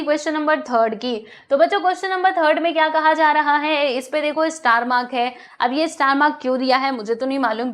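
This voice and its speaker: Here a young woman with a high, slightly bright voice leads a math class. Her manner is talkative and encouraging, with frequent questions to the students and English terms mixed into her explanations.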